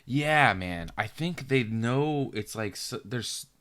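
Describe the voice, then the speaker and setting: A man's voice: mid-range voice, animated, takes it slowly, fairly bright tone. A young American man in casual podcast chat, rambling and swearing freely as he tells stories. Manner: loose, profane, rambling storyteller. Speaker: podcast co-host.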